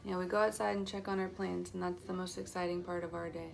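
A woman's voice: lowish voice, little pitch movement, quick pace, gravelly. A woman in her twenties, a mom, chatting casually to camera in a light, self-mocking vlog. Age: 20s. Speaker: vlogger and mom.

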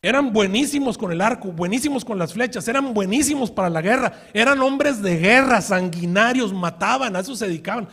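Husky man, fairly high voice, pastor's sermon, storytelling, rhetorical questions. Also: lively intonation, fairly quick, few pauses. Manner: shifts from quiet asides to loud shouted outbursts.

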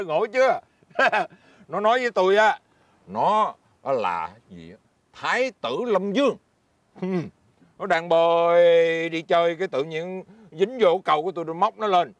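A man's voice: high-pitched, expressive, slow, fairly bright tone, no echo, heavily acted. A man with a Southern Vietnamese accent playing a poor, easygoing old fisherman who chuckles and hesitates as he talks. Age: older. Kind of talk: fairy-tale drama acting.

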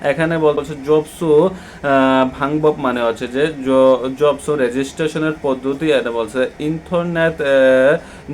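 Bangladeshi male language tutor, mid-pitched, halting, filler-heavy delivery, light background noise. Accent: Bangladeshi Bengali. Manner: hesitant, many drawn-out "ah" fillers between words. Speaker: Korean language teacher. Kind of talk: explaining textbook vocabulary.

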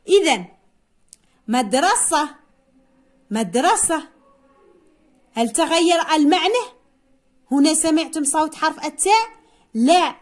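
A woman teaching a primary spelling lesson. She dictates single words slowly, repeats each one, and asks her pupils questions that she answers herself. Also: sits high.

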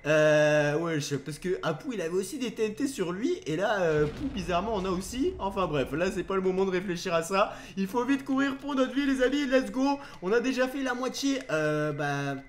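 A young man with a high-pitched voice narrates his gameplay to viewers. His delivery is theatrical and easily alarmed, like someone acting out a scare for the camera. There is faint noise and ambience behind the voice. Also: animated, moderate pace, few pauses. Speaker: Minecraft video host. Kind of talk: dramatised gameplay commentary addressed to viewers.

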